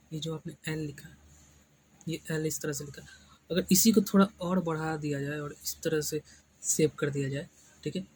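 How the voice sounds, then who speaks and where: A man explains shorthand strokes patiently, repeating each step and checking in with his students. His voice sits a little high for a man. A faint hiss of noise runs underneath. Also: rough recording. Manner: repetitive, patient, often adds tag checks. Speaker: shorthand teacher.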